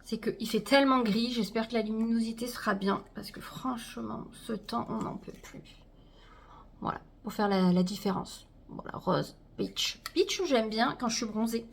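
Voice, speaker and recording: A woman's voice: a little high, moderate pace, gravelly, slight background noise. A woman chatting casually to her viewers as she unboxes a makeup haul, talking to them directly and trailing off with fillers. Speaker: beauty vlogger.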